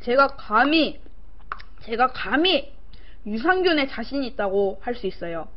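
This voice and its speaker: A young woman with a high voice chats unhurriedly to her livestream viewers. She talks while eating and gets playful and singsong with them. The audio is slightly dull and lo-fi, as from a home stream. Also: sing-song, measured pace. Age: young adult. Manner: talks while eating, with short murmurs between phrases. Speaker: live-stream eating show host. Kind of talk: casual live-stream chat with viewers. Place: small room indoors.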